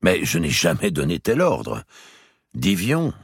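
A man doing a medieval king in a raised, lively voice, urgent and commanding. The tone is gravelly and husky, recorded dry and close. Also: deep voice, slow pace, no echo, voice pushed up, exaggerated voice. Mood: bewildered. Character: medieval male king, bewildered then commanding.

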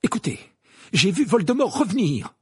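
A man's voice: high voice, sing-song, moderate pace, husky, no echo, studio quality, pitched above the performer's own voice, full character voice. A man doing an urgent, defiant teenage boy. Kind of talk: audiobook character voice.

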